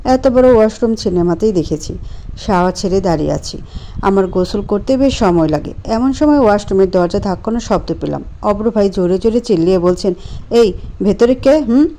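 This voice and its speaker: Warm gentle woman narrating a story. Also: mid-range voice, brisk, a little hiss or hum. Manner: gentle, expressive reading. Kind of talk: first-person story narration.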